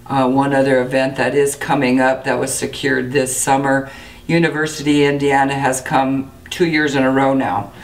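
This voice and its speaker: Flat-toned older woman clinic director. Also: extremely low pitch, normal speed, far from the mic. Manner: steady, matter-of-fact, with frequent fillers. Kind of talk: interview to camera. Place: indoor clinic room.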